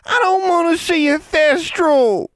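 A man's voice: extremely high pitch, steady tone, brisk, no room sound, voice pushed up. A man voicing a frightened, tearful small boy in a storybook reading.

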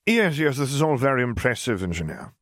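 A man's voice: medium pitch, big pitch swings, fairly quick, fairly bright tone, dry recording, clean studio sound, voice pushed up. A man doing an oily, smug officer. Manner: sneering, condescending, drawn out. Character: oily, smug middle-aged male officer.

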